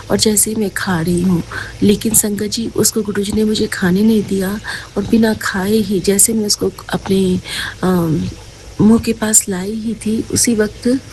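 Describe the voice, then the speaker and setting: A woman giving a gentle, earnest devotional talk, often speaking straight to her listeners as she tells of a dream. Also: mid-range voice, a little hiss or hum, low-quality recording. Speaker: satsang speaker.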